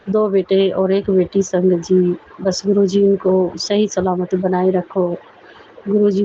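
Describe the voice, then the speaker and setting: Middle-aged woman praying, kinda hoarse, saying thanks over and over, mellow voice, muffled recording with a little hiss. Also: mid-range voice. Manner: repeats thanks in a soft prayerful cadence. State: slightly hoarse throat. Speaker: devotee sharing a testimony. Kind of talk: devotional testimony and prayer.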